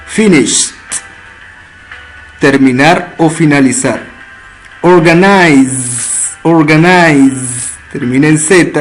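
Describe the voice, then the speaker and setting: A man teaching English grammar, explaining step by step and repeating each word slowly for practice. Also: a little high. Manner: slow, careful, repeats words for drill. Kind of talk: explaining a lesson.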